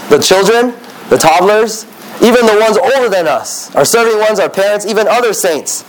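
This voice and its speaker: A man giving a sermon to young people, speaking slowly and emphatically, repeating key phrases. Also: high-pitched, lively intonation, a little hiss or hum, rough recording. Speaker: conference speaker.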